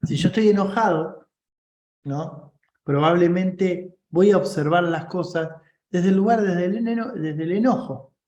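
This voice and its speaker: A man's voice: sits high, a little slow, darkish tone, lo-fi sound. Chatty Rioplatense man teaching in an echoey room. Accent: Rioplatense Spanish. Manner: conversational, checks in often with listeners. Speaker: leadership coach. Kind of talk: informal online class.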